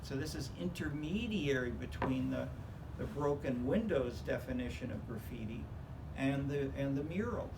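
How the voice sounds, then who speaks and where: A man's voice: medium pitch, expressive, normal speed, vocal fry, hardly any pauses. A male professor leading a classroom review, talking in rambling stretches and repeating words as he thinks. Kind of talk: classroom discussion. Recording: distant mic with background noise.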